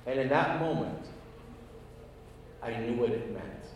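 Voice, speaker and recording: A man's voice: mid-range voice, animated, a little slow, slight background noise. A man, a pastor, preaching a sermon and telling a story in an earnest way, acting out the conversation with emphatic rises. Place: large church. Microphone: handheld mic. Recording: echoey church hall, distant mic.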